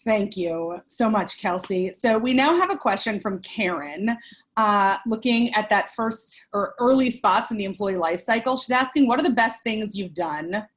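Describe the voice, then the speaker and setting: A woman moderates a webinar in a friendly, brisk way, reading out audience questions and handing them to the panelists. Her voice sits in a middle pitch and stays conversational throughout. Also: lively intonation. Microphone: video call.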